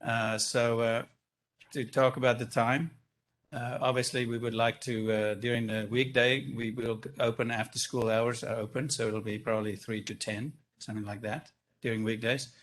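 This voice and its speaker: A man with a South African accent, a business owner, speaks at length into a stand-up mic in a council chamber, giving public comment about his project. His manner is enthusiastic, expansive and self-deprecating, though his medium-pitched, fairly bright voice has a flat delivery at normal speed.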